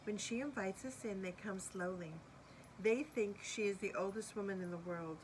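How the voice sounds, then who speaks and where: Reading a picture book for young children, this woman speaks expressively at a normal speed, adding asides and questions for her listeners. Her voice is medium-pitched, the audio is poor, and faint noise sits behind her.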